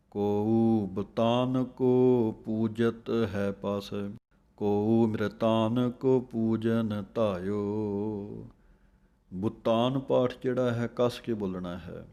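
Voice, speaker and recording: A man teaching scripture recitation, reading each verse slowly word by word and then explaining the pronunciation and pauses, with a Punjabi accent. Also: lowish voice, darkish tone. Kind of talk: slow, careful scripture recitation lesson.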